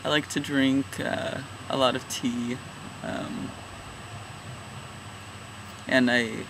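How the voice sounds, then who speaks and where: A man in his twenties from California talks in a halting, thoughtful, self-deprecating way in a casual personal vlog. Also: medium pitch, fairly even intonation, creaky, background noise. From California, USA. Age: 20s. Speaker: vlogger, regular channel contributor.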